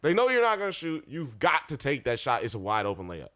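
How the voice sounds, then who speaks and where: A man's voice: mid-range voice, wildly swooping pitch, fast talker, fairly bright tone. A man in his thirties co-hosting a casual sports podcast, emphatic and repeating his points, swearing freely. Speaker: podcast co-host.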